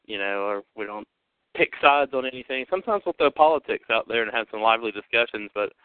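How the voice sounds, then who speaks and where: Podcast guy talking over the phone, smooth clear voice, dry thin phone sound. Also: on the low side, animated, quick pace, dry recording. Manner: chatty, upbeat, rambling with fillers. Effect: heard over a phone line. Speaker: podcast host. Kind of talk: casual chat.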